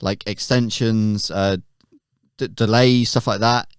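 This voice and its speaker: A man in casual podcast chat, talking with many fillers and turning lively when he mimics others. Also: lowish voice, slow, clear, resonant tone, no echo, clean studio sound.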